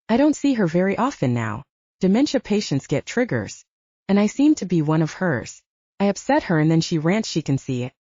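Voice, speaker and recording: Voicing a frank, self-deprecating young werewolf soldier, a woman narrator performs character dialogue for an audiobook with big pitch swings and a chatty, mellow delivery. The sound is dry without any room sound, and slightly muffled, dull and lo-fi.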